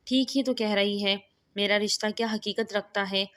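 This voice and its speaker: A woman's voice: mid-range voice, fairly even intonation, fairly bright tone, natural voice. A woman reading as a sad, resigned young bride. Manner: sorrowful, resigned. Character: sad young woman unsure of her marriage.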